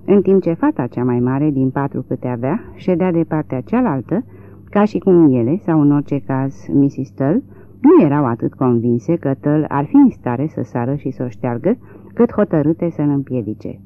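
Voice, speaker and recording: Un bărbat care citește expresiv și măsurat o carte audio literară. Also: male voice, fairly high pitch, animated. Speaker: audiobook reader. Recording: tinny lo-fi narrow-band recording.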